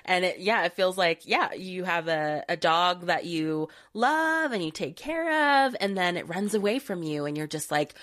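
Podcast co-host, woman, lower voice, dry close sound, casual and profane. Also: expressive, normal speed, few pauses, a bit bright, no room sound. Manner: swears freely, laughs often, many fillers. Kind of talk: casual chat, recapping a film plot.

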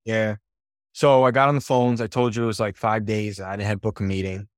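A man, a podcast guest and sales coach, telling stories from his career in a lively, casual way and swearing now and then. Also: lowish voice, fairly quick, no room sound, clean studio sound. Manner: animated storyteller, swears casually. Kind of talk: casual interview storytelling.

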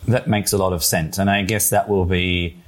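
A man interviewing a guest, asking halting questions with restarts and frequent laughs. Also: low voice, steady tone. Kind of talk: conversational interview.

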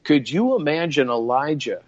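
A man's voice: a little high, sing-song. Man, older, earnest preacherly talk, podcast chat, lo-fi muffled sound. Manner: earnest, preacherly, quick with many restarts. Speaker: guest minister. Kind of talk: casual podcast conversation. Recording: dull lo-fi sound.

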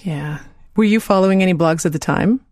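Woman podcast host, lowish voice, dry close sound, laughs a lot. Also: a little fast, a little mellow, dry recording. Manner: friendly, laughs easily. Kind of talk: conversational interview.

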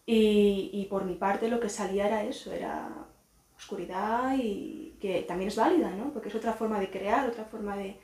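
A woman's voice: medium pitch, moderate pace, a little mellow. A woman, an actress, talking openly and reflectively as a guest in a casual podcast chat. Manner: open and reflective, laughs easily. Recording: roomy echo.

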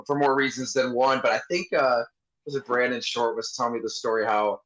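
A man's voice: mid-range voice, steady tone, a little fast, a bit bright, roomy sound, low-quality recording. A man interviewing a guest in a chatty, conversational way, telling stories and asking eager questions. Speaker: interviewer, podcast host.

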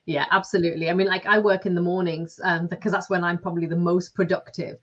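This woman talks quickly in a fairly low, level voice. A business coach in her forties with a Lancashire accent, she chats informally in an interview with plenty of fillers, recorded with slightly dull lo-fi quality.

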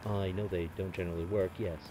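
A man doing a deadpan comedy bit as a trucker talking over a CB radio, full of radio lingo. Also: deep voice, fast, noisy background.

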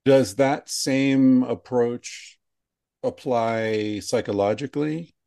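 A man's voice: mid-range voice, steady tone, slow pace, gravelly, warm tone, clean tone, dry recording, studio quality. A man hosting a conversational interview, musing aloud with frequent restarts and fillers. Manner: thoughtful, rambling with many restarts. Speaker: podcast host.

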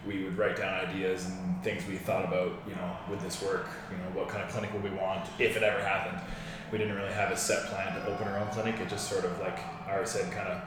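A man's voice: low voice, flat delivery, quick pace. A man, talking conversationally as an interview guest. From Newfoundland, Canada. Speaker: guest, physiotherapist. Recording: echoey, distant mic, noisy room.

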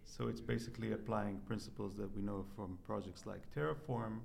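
Gravelly low-voiced man, convention interview. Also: steady tone, brisk, a little hiss or hum. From Israel. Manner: explains methodically with frequent restarts. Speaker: guest, startup CTO. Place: convention hall.

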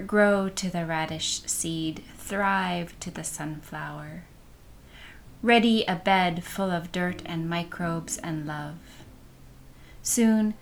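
Female meditation guide, slightly low, soft soothing delivery at a very slow pace. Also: a little hiss or hum.

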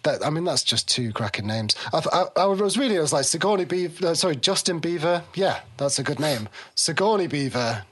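A man's voice: a little high, animated, fairly quick, few pauses, a bit bright, slightly rough. A man with a British accent co-hosting a podcast in casual, joking chat, swearing freely and talking about his young son. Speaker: podcast co-host; father of a five-year-old.

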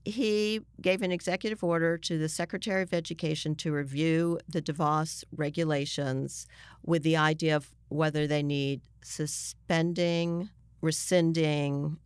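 An American woman being interviewed as a journalist speaks in a fairly low, clear voice with fairly even intonation. She explains her point emphatically in a conversational way, halting and restarting mid-sentence as she builds it. The recording is dry and close, with no room sound.

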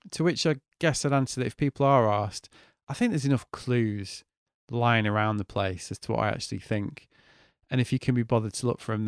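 A man in his forties with a mid-range voice hosts a casual solo podcast, talking in a chatty, candid monologue and swearing freely. The studio recording is clean and dry.

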